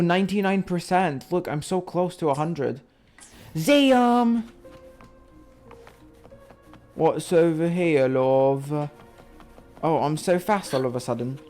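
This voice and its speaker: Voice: mid-range voice, a little mellow. A streamer with a put-on British accent, doing chatty, playful gaming commentary and swearing freely.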